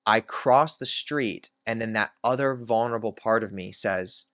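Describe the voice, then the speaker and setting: A man's voice: on the low side, normal speed, a bit bright, dry recording, studio quality. A man hosting his own channel, candidly telling a personal story in a reflective way, with many filler words. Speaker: self-help channel host.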